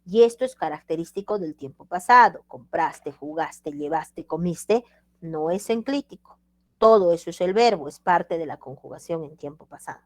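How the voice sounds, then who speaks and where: A woman's voice: on the low side, expressive, normal speed, dry recording, studio quality. A woman teacher giving a grammar lesson, emphatic and repeating examples with checks like "ready?". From Peru.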